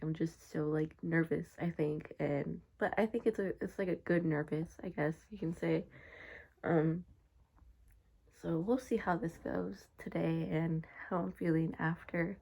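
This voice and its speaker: A young woman vlogging in a heavily fried, gravelly voice with very little melody. She sounds nasal and stuffed up. Her delivery is mellow and informal, with slang and swearing. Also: deep voice, steady tone, normal speed, low-quality recording. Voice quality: nasal, congested. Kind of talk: casual personal vlog to camera.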